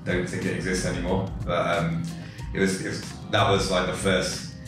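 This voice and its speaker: An English man in his forties who co-founded a tech company talks in a relaxed, rambling way during an interview, full of fillers and restarts. His voice sits low at a normal speed, and he's recorded far from the mic in an echoey room with music playing behind him.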